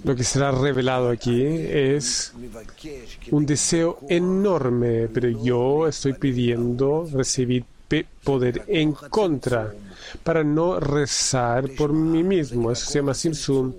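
A man interpreting a spiritual lesson live. He relays it in halting phrases, with frequent restarts and repeated words. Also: medium pitch, a little mellow. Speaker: simultaneous interpreter.

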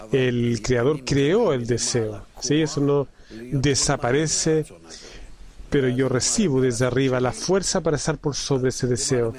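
A man interpreting a spiritual lesson live. He relays it in halting phrases, with frequent restarts and repeated words. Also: mid-range voice, a little mellow. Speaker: simultaneous interpreter.

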